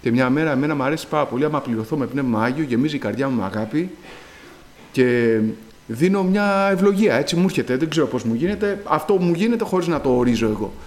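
A middle-aged man preaching a sermon, slowly reading scripture aloud and then exhorting his listeners in emphatic, rising bursts. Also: on the high side, lively intonation.

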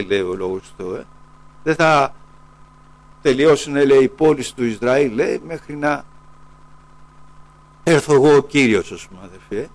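A man preaching a sermon, who keeps tagging lines with a low, quiet "brothers, eh" and slows down to quote scripture. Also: vocal fry. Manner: repeats "brothers, eh" as a dropping aside; rises in pitch when urging the listeners.

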